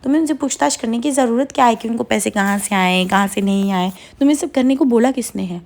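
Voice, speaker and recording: A woman's voice: fairly high pitch, fast, a little mellow, close to an everyday voice. A woman voicing a hardworking young wife from a TV serial, fed up and speaking firmly. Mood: exasperated. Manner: exasperated, firm.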